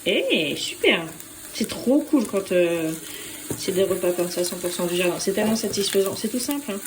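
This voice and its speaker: A woman's voice: medium pitch, expressive, moderate pace. French lady chatting while she cooks, lots of euhs, a little noise behind. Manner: chatty, hesitant, many fillers. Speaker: home cooking vlogger. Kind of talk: casual cooking vlog voice-over.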